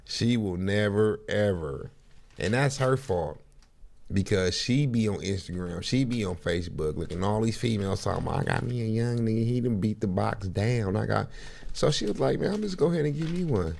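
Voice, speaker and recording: Male streamer, low gravelly voice, slangy mocking reaction commentary. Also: expressive, normal speed, a little mellow. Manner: laughing, mocking, slangy banter.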